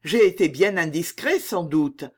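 A woman voicing a shy, courteous young nobleman in a read-aloud novel, lowering her voice and speaking hesitantly. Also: lively intonation, measured pace, a little mellow, breathy edge.

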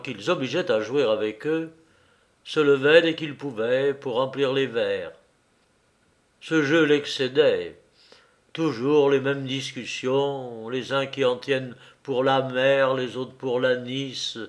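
A man reading a novel aloud as narrator, in measured, unhurried storytelling. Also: medium pitch, a bit bright.

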